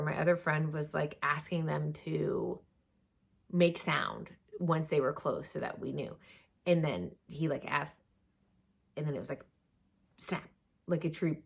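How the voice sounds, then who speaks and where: A young woman with a slightly low voice tells a personal story, chatty and animated. She rambles through fillers and quick asides in a loose, casual vlog delivery. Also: vocal fry, breathy edge. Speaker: vlogger telling a personal story.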